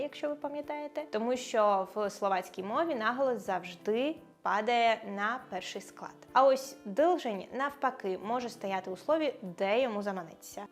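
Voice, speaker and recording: A young woman presents a scripted video grammar lesson with a teasing, ironic edge, walking through each rule step by step. Her voice sits at an ordinary middle pitch for a woman, with soft music playing faintly underneath. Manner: playful, ironic, explains step by step. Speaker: language teacher.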